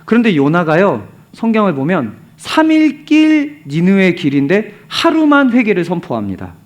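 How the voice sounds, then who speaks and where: A man's voice: high voice, huge pitch swings, moderate pace. A male pastor preaching a sermon, telling the story with animation and asking the congregation rhetorical questions, sometimes dropping to a near whisper for emphasis.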